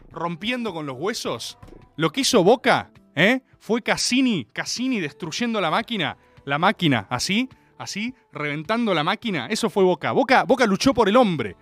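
An Argentine man hosts a radio show and delivers an exasperated comic rant. His voice is high and jumps all over the place. He is recorded dry and close, with faint music behind him. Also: no echo. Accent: Argentine Spanish. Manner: animated, exasperated ranting.

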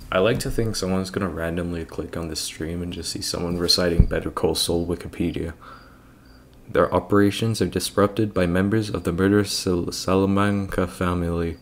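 A man's voice: low voice, a little hiss or hum. A young British man on a livestream, reading a long text aloud, tripping over names and breaking off for wry, self-mocking asides. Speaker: streamer.

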